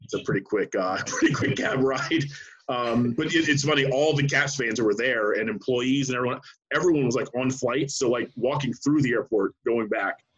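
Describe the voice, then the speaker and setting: A man who works as a sports writer, telling an animated anecdote in casual chat with many restarts. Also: medium pitch, breathy edge, muffled recording.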